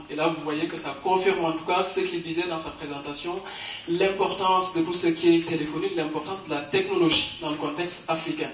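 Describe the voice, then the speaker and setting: A man's voice: on the high side, a little hiss or hum. A man presenting awards at an academic conference, explaining at length with many fillers and restarts. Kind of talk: hesitant spoken announcement. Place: conference hall. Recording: echoey hall from far off.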